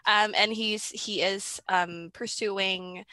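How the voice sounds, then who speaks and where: A Filipina woman in her twenties joins a podcast as a guest over a video call, talking casually but hesitantly, with many fillers and restarts and giggles between thoughts. Her mid-range voice is slow, bright and forceful, with fairly even intonation, in a dry recording.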